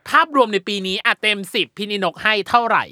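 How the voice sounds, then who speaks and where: A woman hosts a casual chat, playfully teasing her guest. Her voice is bright and sharp, and the sound is close and dry. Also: mid-range voice, fairly even intonation, fast, no room sound. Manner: playful, teasing interviewer, laughs often. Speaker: podcast host.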